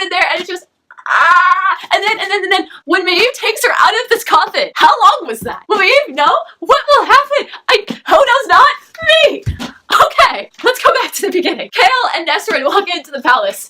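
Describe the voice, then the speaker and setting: Very high, bright-voiced excitable young woman. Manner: excitable, gushing, rambling; frequent restarts and squeals. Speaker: book reviewer. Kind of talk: casual book review vlog.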